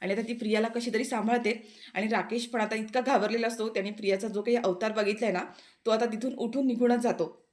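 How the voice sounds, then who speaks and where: A woman's voice: on the high side, fairly even intonation, fast talker, darkish tone. A woman in a chatty recap of a TV serial episode who talks directly to her viewers.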